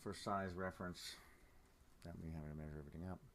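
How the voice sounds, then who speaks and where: A man with a low voice talks casually on a livestream sale, sounding groggy from just waking. He muses in an unhurried way and lets sentences drift off. Faint noise and small clicks sit behind him. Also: fairly even intonation, fairly bright tone. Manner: unhurried, musing, trailing off mid-thought. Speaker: live auction seller showing amber specimens.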